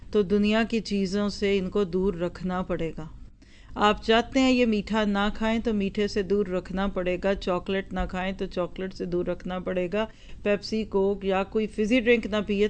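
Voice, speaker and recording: Smooth-voiced woman giving a lecture. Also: mid-range voice. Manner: rhetorical questions and repeated parallel phrases; earnest, lecturing. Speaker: religious speaker on parenting. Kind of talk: Islamic lecture to an audience.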